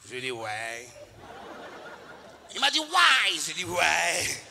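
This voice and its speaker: A man from Ivory Coast with an Ivorian French accent doing an animated stand-up routine on stage, acting out characters and shouting punchlines. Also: medium pitch, normal speed, slight background noise. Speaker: stand-up comedian.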